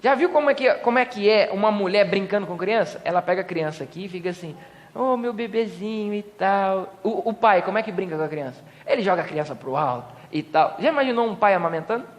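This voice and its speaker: A Brazilian man gives a joking sermon from a church pulpit. He has a high voice and acts out small scenes with playful voices. His voice rings with the long echo of a church hall. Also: expressive, fast talker, few pauses. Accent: Brazilian Portuguese. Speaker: pastor. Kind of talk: humorous sermon.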